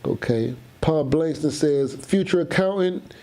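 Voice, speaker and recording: A man's voice: fairly high pitch, a little slow, mellow. A man from Florida hosting a live stream, chatting casually with viewers in slang and reading out their comments. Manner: laid-back, slangy, reads out chat comments. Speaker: livestream host.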